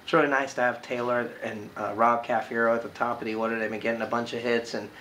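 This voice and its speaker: A man in his thirties, a baseball coach giving a postgame interview, talking quickly and filling pauses with "you know". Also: mid-range voice, level tone, sharp tone, slight background noise, poor audio. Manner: filler-heavy, with frequent "you know"s. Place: indoor room by large windows.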